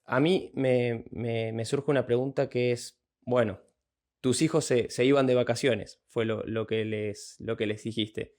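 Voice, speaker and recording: A man's voice: medium pitch, fairly even intonation, measured pace, darkish tone. A man, a podcast host asking long, reflective questions. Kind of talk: interview questions.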